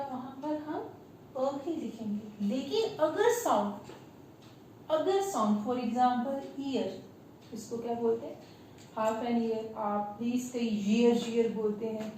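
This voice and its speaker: A woman teacher with an Indian English accent explaining grammar to her class, slowly and with many questions to her students. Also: on the high side, dark tone. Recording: echoey room, far from the mic, faint hiss.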